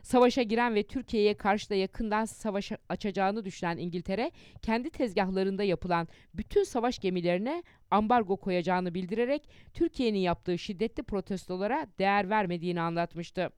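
A woman reading a historical account aloud as an audiobook narrator, in a measured storytelling manner that rises in emphasis for quoted speeches. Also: mid-range voice, darkish tone, clear, resonant tone, dry recording, clean studio sound.

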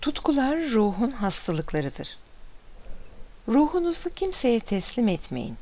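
A woman reading short fables and wise sayings aloud in a steady, expressive manner. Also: on the low side. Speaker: storyteller.

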